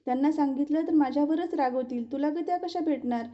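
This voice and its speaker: A woman's voice: high voice, fairly quick, close to an everyday voice. A woman voicing a nervous young palace maid who talks in an anxious, questioning way. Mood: wary. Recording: dull lo-fi recording.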